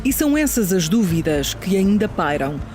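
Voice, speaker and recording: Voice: medium pitch, very animated, normal speed. A reporter with a European Portuguese accent reads a scripted documentary news narration. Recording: loud music bed behind voice.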